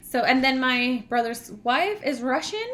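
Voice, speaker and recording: A woman whose first language is Spanish, chatting casually in an animated, storytelling way as a vlog host. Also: high-pitched, measured pace. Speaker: channel host, language learner.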